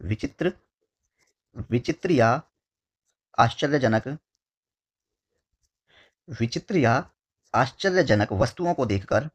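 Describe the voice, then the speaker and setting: A man teaches an exam-prep lesson in a husky, slightly breathy voice at a middle pitch. He repeats each key term slowly and keeps asking "ठीक है". He calls his students his dear children. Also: lively intonation.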